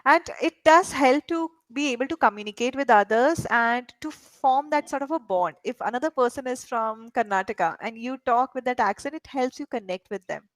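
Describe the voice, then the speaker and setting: A woman's voice: sits high, normal speed, hardly any pauses, dry recording, low-quality recording. A woman from India coaching a learner in spoken English, explaining patiently and checking in with frequent questions. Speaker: English tutor.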